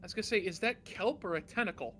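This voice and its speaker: A man doing casual let's-play commentary, jokey and quick to laugh. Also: high voice, pushed and bright, soft background music. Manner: laughs a lot, jokey and irreverent. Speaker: gaming commentator.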